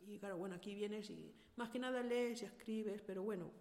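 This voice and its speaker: A middle-aged woman from Spain speaks with a Spanish accent in a mellow, warm voice. She tells her own story earnestly and directly, voicing the people in it as she goes. The recording carries a long, trailing reverb. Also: medium pitch, a little fast. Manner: earnest, direct storyteller who acts out past dialogue. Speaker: interviewee. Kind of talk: personal account in casual conversation.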